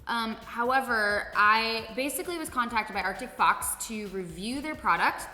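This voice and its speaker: Bright-voiced Californian woman in an echoey room. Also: a little high, expressive, normal speed. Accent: Californian American. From San Diego, California, USA. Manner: candid, swearing, informal. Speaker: vlog host. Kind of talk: casual Q&A chat. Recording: echoey reverberant room, music underneath.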